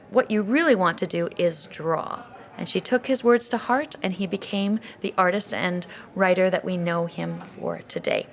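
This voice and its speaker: A teacher from the United States with an American accent gives an informal, explanatory talk, presenting and reading aloud children's picture books for English learners. Her voice is on the low side and creaky.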